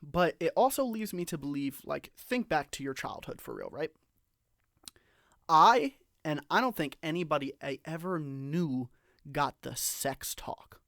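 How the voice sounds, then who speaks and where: A man's voice: a little high, lively intonation, unhurried, vocal fry, fairly bright tone, no echo, studio quality. A man co-hosting a podcast, talking reflectively and sharing firm opinions in casual chat. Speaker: podcast co-host.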